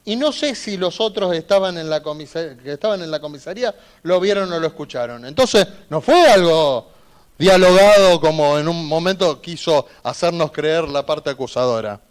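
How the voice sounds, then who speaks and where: A man's voice: on the high side, lively intonation, moderate pace, clean tone. A man, a defense lawyer giving an emphatic, argumentative closing argument in a courtroom, repeating points for emphasis.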